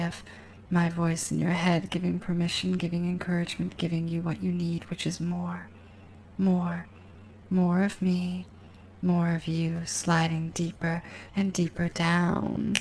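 Low, gravelly-voiced woman hypnotist. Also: darkish tone, slight background noise. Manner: slow, repetitive, hypnotic cadence; sultry, intimate address to the listener. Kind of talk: guided hypnosis recording.

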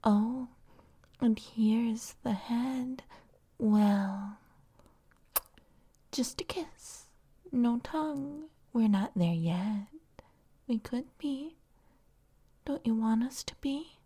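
A woman voicing a seductive female vine creature in a whispered audio roleplay, speaking in a soft, breathy, coaxing way. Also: on the high side, very slow, long pauses, full character voice.

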